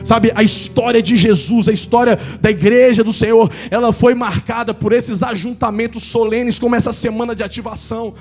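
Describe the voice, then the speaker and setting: Brazilian pastor, very high voice, shouts then hushes, soft music underneath. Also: male voice, fairly even intonation, a little fast, few pauses. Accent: Brazilian Portuguese. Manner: swings from shouted preaching to hushed storytelling. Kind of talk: sermon.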